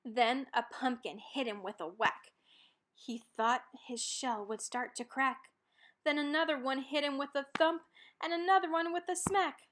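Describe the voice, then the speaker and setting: Reading aloud from a rhyming children's picture book, a woman storyteller delivers the words expressively, dramatically stressing the key ones. Her high voice has a fairly bright tone and moves at a normal speed.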